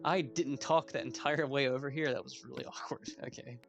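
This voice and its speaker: A man's voice: mid-range voice, fairly even intonation, brisk, vocal fry, music in the background. A 21-year-old man giving casual gameplay commentary as a let's play host, rambling with self-mocking asides.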